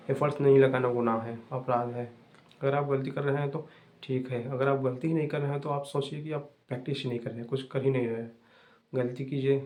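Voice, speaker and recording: A young man hosting an English-learning channel, giving fast, repetitive, casual advice to viewers. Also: medium pitch, a little mellow.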